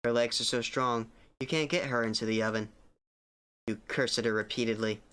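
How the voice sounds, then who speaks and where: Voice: medium pitch, fairly even intonation, fairly quick, bright, forceful tone, clean tone, voice pushed down, natural voice. A streamer voicing the somber narrator of a horror game, reading scripted text aloud. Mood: somber, steady.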